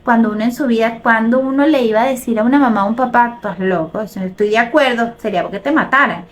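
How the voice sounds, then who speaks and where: A middle-aged Venezuelan woman with a Venezuelan accent, hosting a live show, reading viewer comments aloud and reacting in an animated way. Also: sits high. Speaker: host.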